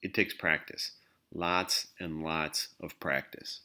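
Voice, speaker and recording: A man giving a scripted lesson in a clear, patient way, explaining pronunciation to learners. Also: very deep voice, fairly even intonation, takes it slowly, pushed and bright. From English-speaking country. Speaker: language teacher. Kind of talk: scripted instructional narration.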